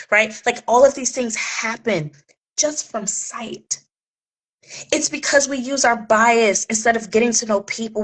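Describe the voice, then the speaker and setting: A woman's voice: a little high, fairly bright tone, poor audio. Impassioned woman talking to camera. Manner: impassioned and emphatic, repeating phrases for effect; talks straight to viewers, calling them "y'all". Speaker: vlogger. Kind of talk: direct-to-camera commentary.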